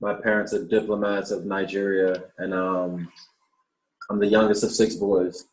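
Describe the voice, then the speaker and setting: Unhurried and low-voiced, this man in his twenties answers interview questions in a relaxed manner, often repeating words at the start of his sentences. He's a pro basketball player who grew up in Australia, captured on a rough recording in an echoey room.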